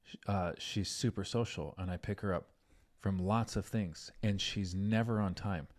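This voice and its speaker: A middle-aged man hosting a parenting podcast, telling a story in an earnest, animated way and saying "like" often. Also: low-pitched, normal speed. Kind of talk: casual podcast conversation.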